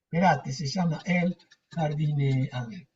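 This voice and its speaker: Casting: man, loose rambling storyteller, husky voice, distant muffled mic. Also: fairly high pitch, slow pace, a little mellow. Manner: rambling, searches for words, anecdotal. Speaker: lecturer. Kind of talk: casual chat with a group.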